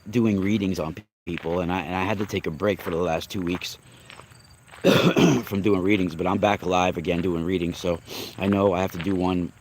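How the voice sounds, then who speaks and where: Rambling and restarting often, a young man greets his chat viewers while casually hosting a livestream as a spiritual reader. His voice sits low at a normal speed and comes out slightly nasal because he's congested with a cold, and he coughs. Slight background noise is audible.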